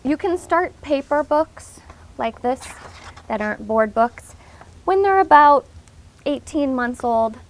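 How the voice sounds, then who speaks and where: A woman's voice: high voice, animated, slow. A woman giving an informal, instructional talk to parents, explaining things in an encouraging way.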